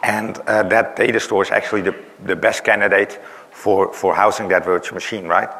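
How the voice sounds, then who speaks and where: Gravelly-voiced man presenting in a hall. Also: fairly low pitch, level tone, a little fast, a bit bright. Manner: explanatory, frequent "uh" and "right?" tags. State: losing his voice. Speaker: conference presenter. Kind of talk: technical conference talk. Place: large conference hall. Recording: reverberant conference hall.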